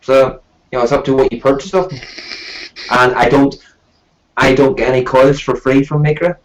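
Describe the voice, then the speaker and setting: A man's voice: medium pitch, steady tone, moderate pace, slight background noise, low-quality recording. A man hosting a live stream and reviewing products in casual, chatty talk.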